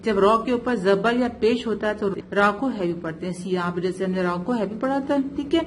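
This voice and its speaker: A woman's voice: mid-range voice, slight background noise. Patient woman teaching Quran recitation. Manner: patient, slow, spells out sounds and checks "ٹھیک ہے؟" often. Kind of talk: one-on-one recitation lesson.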